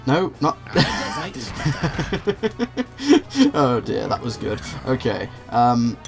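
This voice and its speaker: A man's voice: medium pitch, a little slow, creaky. A man hosting a let's play with casual, wry, rambling commentary addressed to the viewer. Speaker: gaming video host. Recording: game music behind the voice.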